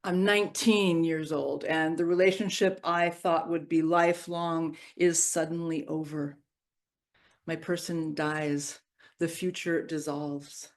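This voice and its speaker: A middle-aged woman giving a personal storytelling reflection at a church service, moving from playful to hushed and grave. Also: deep voice, flat delivery, takes it slowly. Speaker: worship reflection speaker.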